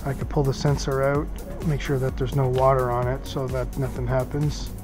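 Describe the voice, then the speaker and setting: A man's voice: medium pitch, level tone, normal speed, music in the background. Rambling man unboxing gear on camera. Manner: rambling, thinks aloud with many fillers. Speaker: boating vlogger. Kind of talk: casual unboxing talk. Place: small office. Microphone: head-mounted camera.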